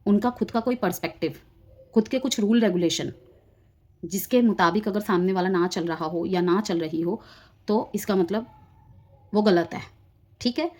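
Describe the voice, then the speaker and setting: A woman's voice: medium pitch, moderate pace, pauses often, darkish tone. A woman giving a collective tarot reading, explaining the cards straight to her viewers and mixing in English words. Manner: explanatory, addresses viewers directly, drifts between Hindi and English. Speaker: tarot reader.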